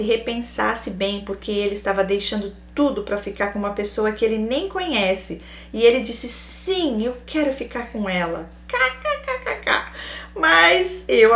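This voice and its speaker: A woman with a Brazilian accent, hosting and reading a listener's personal story aloud, acting out quoted lines and adding wry asides. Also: medium pitch. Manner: animated, acts out quoted lines, adds wry comments. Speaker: host reading a listener's letter. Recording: roomy echo.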